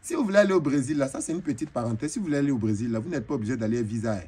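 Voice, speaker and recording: In a comic monologue, a comedian speaks in character with an Ivorian French accent, his voice medium-pitched, rapid-fire, mellow and a bit rough. He plays a flamboyant, boastful female braider chief who spins funny tales and drifts into broken English.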